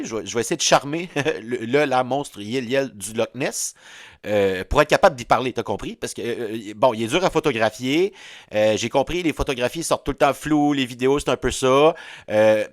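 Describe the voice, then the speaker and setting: A man's voice: mid-range voice, expressive, normal speed, no echo, clean studio sound. A man with a Québécois accent delivering a rambling comedic monologue, stammering and laughing often at his own jokes. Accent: Québécois French. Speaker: host of a comedic audio series.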